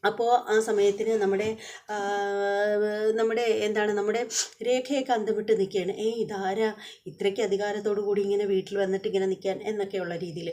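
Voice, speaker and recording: A woman rattles through a recap of a serial episode at a brisk clip. Her pitch sits in an ordinary middle range. She fills the gaps with hesitation sounds and restarts as she retells the scenes. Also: warm tone. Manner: fast retelling with frequent filler sounds and restarts. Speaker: serial review narrator. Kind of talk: casual episode recap narration.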